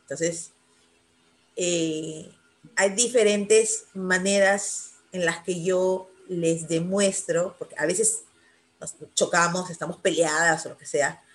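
A middle-aged woman in a casual panel chat, speaking openly and emotionally about raising her children. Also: fairly low pitch. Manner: emotional, talks of near tears. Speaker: mother of grown children.

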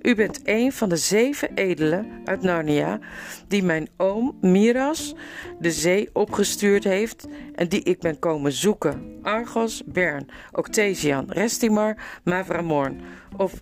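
A woman's voice: lowish voice, animated, slow, a little mellow, soft background music. A woman reading aloud, voicing a proud young king who speaks in a bold, formal and commanding way.

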